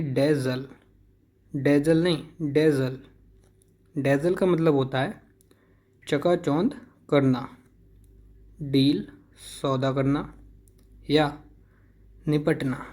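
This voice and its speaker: A man teaching a vocabulary lesson at a very unhurried pace. His voice is dark and mellow. He repeats each word again and again to drill the pronunciation. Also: fairly high pitch. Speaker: English teacher.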